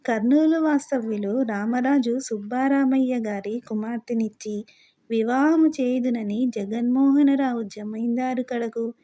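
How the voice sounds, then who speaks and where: A woman narrating a classic novel aloud in a steady, formal reading voice. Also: a little high. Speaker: audiobook narrator. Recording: dull lo-fi recording.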